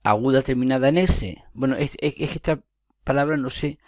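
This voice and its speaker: A man's voice: mid-range voice, brisk, no echo, clean studio sound. Man explaining a grammar lesson. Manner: explains step by step, with checking asides and self-corrections. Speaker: teacher.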